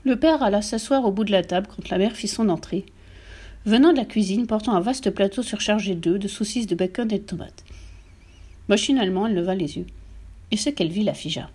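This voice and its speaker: A woman narrating a children's audiobook in a lively, expressive way. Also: mid-range voice, fairly quick, slightly rough.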